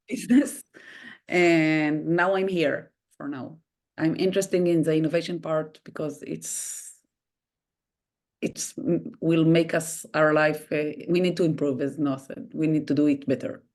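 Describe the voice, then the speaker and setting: A woman's voice: sits low, steady tone, a little slow, darkish tone. A woman from Israel introducing herself in an online class over a video call, hesitant and searching for words. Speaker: student.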